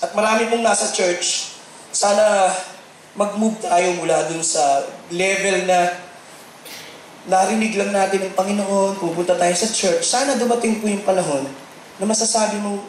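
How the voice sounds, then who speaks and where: A middle-aged Filipino man preaching a sermon as pastor, animated and mixing in English, at times rising to shouts. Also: high-pitched, normal speed. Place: large church hall. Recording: very echoey hall with faint noise.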